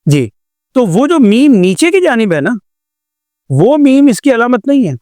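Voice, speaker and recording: A man's voice: very high-pitched, very animated, darkish tone, no echo, clean studio sound. Older male teacher, patient lecture. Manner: explains patiently with repeated examples and rhetorical questions. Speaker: Quran recitation teacher. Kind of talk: classroom lecture.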